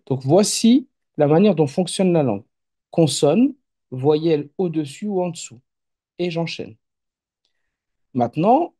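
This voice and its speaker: A man's voice: fairly high pitch, warm tone. A man teaching Arabic letters in an online masterclass, patient and explanatory, with frequent fillers and restarts.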